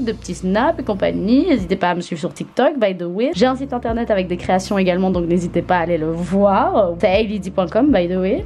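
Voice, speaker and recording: A young woman vlogging while she sews, chatting in a jokey, excitable way and talking herself through her nerves. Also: medium pitch. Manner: excitable, jokey, nervous self-talk. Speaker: sewing vlogger. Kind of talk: casual vlog chat while sewing.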